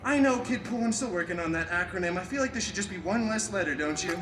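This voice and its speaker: A man with a voice that sits high talks fast and expressively as a theme park performer in a live comic storytelling stage show. His character is a flamboyant, wisecracking adult male superhero whose storytelling is chatty, theatrical, sarcastic and sardonic. Background noise, echo, amplification and music fill the recording.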